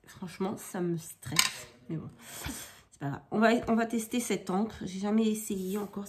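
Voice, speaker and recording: A woman's voice: medium pitch, slight background noise. A woman chatting casually as she demonstrates scrapbooking at her craft table at home, improvising and often hesitating. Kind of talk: casual craft tutorial chat.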